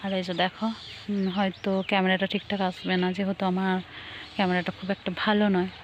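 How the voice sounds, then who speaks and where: A woman talking softly and chattily into her phone outdoors in the cold early morning, sounding chilled. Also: medium pitch, level tone, quick pace. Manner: soft, hushed, chatty. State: cold and shivering. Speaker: village vlogger. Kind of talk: casual vlog walkthrough. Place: outdoors in foggy fields at dawn. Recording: faint outdoor noise.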